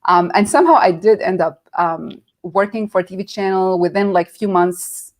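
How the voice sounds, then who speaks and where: Middle-aged woman from nazareth chatting on an interview, a bit low, voice jumps around when she quotes people. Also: moderate pace. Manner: animated, acts out quoted voices. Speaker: guest. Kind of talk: casual interview storytelling.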